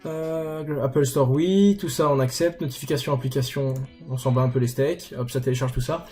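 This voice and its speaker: A man's voice: mid-range voice, moderate pace, a little mellow, faint music behind. A young man hosting a casual screen tutorial, chatty and self-mocking, with crude slang. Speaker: YouTuber tutorial host.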